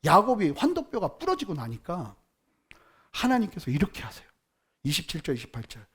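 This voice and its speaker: Male pastor, high and very animated pitch, emphatic sermon delivery with sudden loud bursts, leads unison scripture reading. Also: brisk, husky. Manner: emphatic preaching, voice swinging from low murmurs to loud outbursts.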